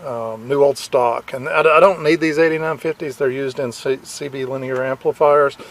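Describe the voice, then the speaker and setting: A man vlogging on a camera mic as he walks an outdoor fairground flea market, halting and full of fillers, keen about his finds. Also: medium pitch, fairly even intonation. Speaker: vlogger at a hamfest. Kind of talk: casual walkaround vlog.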